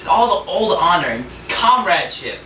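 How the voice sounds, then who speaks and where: A young man playing an eager younger brother pitching schemes. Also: moderate pace, heavily acted. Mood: excited. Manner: eager, pitching ideas excitedly. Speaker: student actor. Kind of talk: amateur scene acting. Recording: roomy, distant camera mic, faint hiss.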